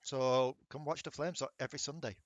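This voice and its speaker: A man's voice: mid-range voice, fairly even intonation, moderate pace, no echo. A man running a tabletop game, chatting casually with laughs and swearing as he wraps up the session. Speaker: dungeon master.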